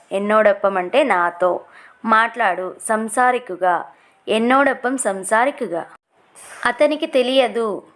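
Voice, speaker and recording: A woman with a somewhat high voice teaches everyday phrases at a very slow, deliberate pace. She says each phrase twice, then breaks it down word by word for beginners. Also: a bit bright. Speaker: language teacher. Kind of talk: slow repeated phrase lesson.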